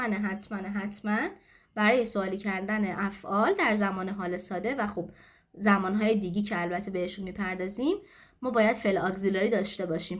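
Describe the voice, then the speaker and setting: A woman English teacher patiently explaining grammar to learners, mixing explanation with example sentences. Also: mid-range voice. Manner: patient, explanatory, switching between languages.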